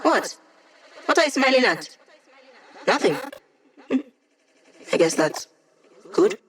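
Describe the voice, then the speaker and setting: An actress playing a brisk, confident young female hacker, giving casual, wry, technical mission support in a video game. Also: fairly high pitch, big pitch swings, a bit bright, full character voice. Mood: curious. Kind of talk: scripted video game voice acting.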